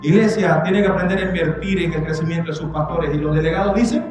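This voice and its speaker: High-voiced pastor preaching. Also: male voice, fast. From Venezuela. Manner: emphatic, repeats phrases and calls out to the congregation. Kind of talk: sermon. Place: church. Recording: echoey church hall with music behind.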